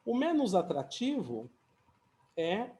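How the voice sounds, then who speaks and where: Chatty teacher with a mellow voice. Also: male voice, high voice, huge pitch swings, takes it slowly. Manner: chatty, adds "né?" and "tá?" often, light jokes. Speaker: English teacher. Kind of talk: casual video lesson.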